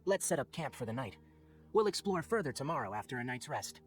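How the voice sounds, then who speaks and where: A man playing a knowledgeable young forest ranger in a video game, articulate, brisk and wry as he explains things. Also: medium pitch, very animated, faint music behind, natural voice. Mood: brisk, instructive. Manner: articulate, explanatory, matter-of-fact. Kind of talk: video game character acting.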